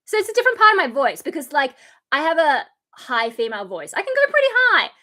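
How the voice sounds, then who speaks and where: Her voice is high-pitched, sing-song, quick and sharp, yet tired and frayed into fry: a woman streamer and metal singer chatting casually about scream technique. She explains loosely, full of fillers, and breaks off for harsh, unvoiced scream demos.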